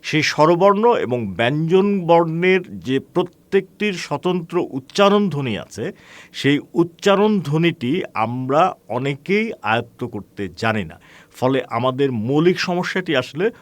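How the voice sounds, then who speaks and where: A man teaching an online class, explaining in a measured way with frequent hesitations, asking rhetorical questions and calling his students friends. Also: a little high, sing-song. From Bangladesh.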